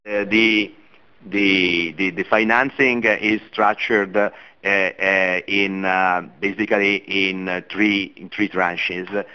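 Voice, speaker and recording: A man with a very deep, flat, smooth voice explains financing slowly and haltingly on an earnings call. He sounds distant from the mic, and the line is muffled. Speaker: company executive. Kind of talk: earnings conference call answers.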